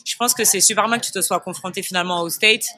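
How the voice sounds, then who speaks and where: Athlete guest: high, bright man, reflective and unhurried, casual interview talk. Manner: thoughtful, searching for words.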